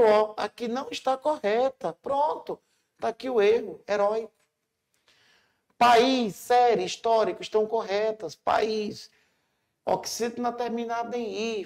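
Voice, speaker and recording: A Brazilian man teaching a live exam review lesson. He explains step by step, asks his own questions and answers them, and stretches key words slowly for emphasis. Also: very high-pitched, creaky.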